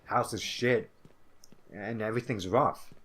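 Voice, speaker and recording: A young native English speaker co-hosts a gaming let's play, rambling casually with plenty of filler words and playful asides. His voice is fairly low, steady and unhurried, with a fairly bright yet slightly rough tone.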